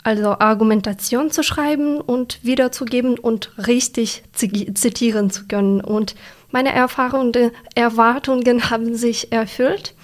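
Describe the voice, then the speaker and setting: A young woman from Ukraine, an exchange student answering interview questions in careful, hesitant speech with many pauses and restarts. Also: on the high side, fairly even intonation. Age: young adult.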